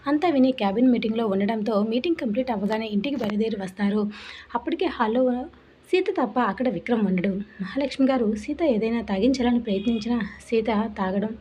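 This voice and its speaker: Brief: woman story narrator, fairly high and mellow, plain reading, hissy lo-fi audio. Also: brisk. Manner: plain reading with small restarts. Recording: muffled lo-fi with faint hiss.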